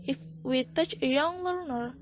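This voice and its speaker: A young woman with an Indonesian accent, slowly and carefully reading a student class presentation, restarting words now and then. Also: high voice, no room sound. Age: young adult.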